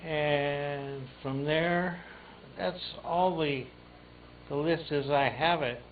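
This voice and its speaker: A man hosting an amateur radio net check-in, speaking haltingly with many fillers over tinny radio audio with faint static. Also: a little high, fairly even intonation, distant mic. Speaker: net control host of a ham radio net.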